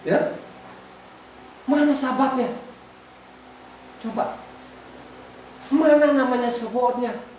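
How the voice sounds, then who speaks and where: A woman's voice: high-pitched, slow, long pauses, darkish tone, a little hiss or hum. A woman preaching a sermon, exhorting her listeners, asking them questions and repeating her words. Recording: echoey room, far from the mic.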